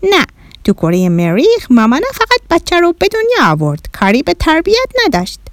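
A woman's voice: sits high, wildly swooping pitch, dry recording, clean studio sound, pitched above the performer's own voice. A woman voicing a curious, mischievous little Martian boy who talks in broken, childlike sentences. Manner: broken ungrammatical speech, childlike wonder.

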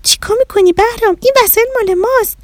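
A woman's voice: high voice, expressive, dark tone, no echo, clean studio sound, pitched above the performer's own voice. A woman voicing a young girl who earnestly explains manners and scolds. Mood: instructive. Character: young girl, bossy and polite-minded.

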